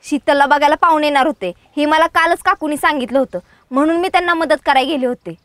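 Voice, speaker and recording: An actress playing Radha, a sharp young village woman who scolds and calls out lies firmly. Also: high-pitched, dry recording. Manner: firm, scolding, quick to call out lies.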